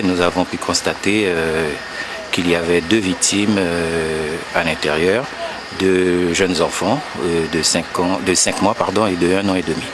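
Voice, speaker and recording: Male emergency responder, low voice, measured formal report, clear background noise on scene. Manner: measured, procedural, hesitant. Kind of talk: formal incident report in an interview.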